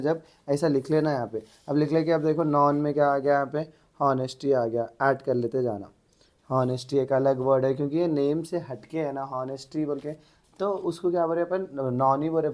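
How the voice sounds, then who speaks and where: A man's voice: fairly high pitch, darkish tone. A man teaching an exam-prep English grammar lesson, asking the class questions and answering them himself.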